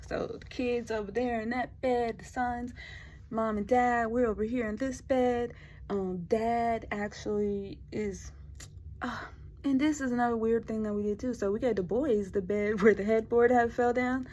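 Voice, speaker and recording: A woman host shares a true ghost story in casual conversation from her dark bedroom at night, sometimes dropping to a hush for the spooky parts. Her voice is a little high with fairly even intonation, she talks at a normal speed, and there's slight background noise.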